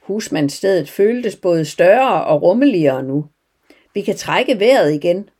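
A woman's voice: medium pitch, animated, a little mellow, close to an everyday voice. Woman reading a worn-out poor farmer guy, pleading, heartfelt. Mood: grateful. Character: weary poor male farmer, pleading, later grateful.

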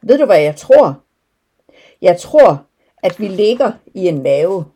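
A woman's voice: medium pitch, very animated, warm tone, breathy edge. A woman voicing a curious, insistent unborn twin boy who coaxes his brother with eager questions.

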